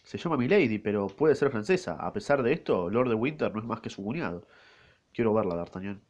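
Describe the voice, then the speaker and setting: A man with an Argentine accent voicing a phlegmatic, gloomy musketeer, speaking in a slow, measured way. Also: fairly low pitch, lively intonation, a little mellow, muffled recording. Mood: grave. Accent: Argentine Rioplatense Spanish. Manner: measured, often slowed.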